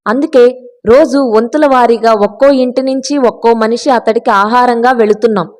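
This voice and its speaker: A woman's voice: a little high, normal speed, darkish tone, lightly acted. A woman voicing a grieving, pious old Brahmin man in a read-aloud story. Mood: weary explaining. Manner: lamenting, pleading.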